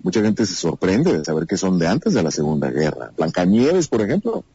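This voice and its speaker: This husky, low-pitched man talks fairly quickly on a casual podcast, where he appears as a guest voice actor with a Mexican accent. He's an animated storyteller who acts out the dialogue in his anecdotes, and the recording is muffled.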